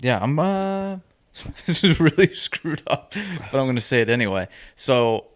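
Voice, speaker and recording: A man co-hosting a podcast in relaxed, joking conversation. He has an ordinary mid-range pitch and laughs often while he tells stories. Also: a little slow, smooth. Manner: jokey, animated storyteller who laughs often. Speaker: podcast co-host. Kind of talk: casual podcast chat.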